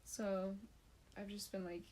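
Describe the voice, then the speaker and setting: A woman's voice: medium pitch, level tone, takes it slowly, a little mellow. A young woman in her twenties co-hosting a casual podcast, her voice a little fatigued after jaw surgery, rambling and self-deprecating with frequent laughs. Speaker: podcast co-host. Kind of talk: casual chat.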